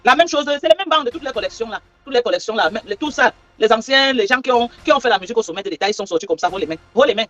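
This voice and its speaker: Brief: high-pitched woman, breakneck scolding rant, mocking taunts. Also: expressive, racing, hardly any pauses, fairly bright tone, dull audio, soft background music. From Cameroon. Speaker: social media livestreamer. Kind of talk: angry live rant.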